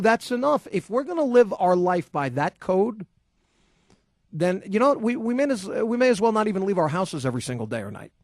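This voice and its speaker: Combative talk radio host, dry studio sound. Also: male voice, sits high, darkish tone, dry recording. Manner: combative, sarcastic, emphatic. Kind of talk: opinionated talk radio rant. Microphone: studio microphone.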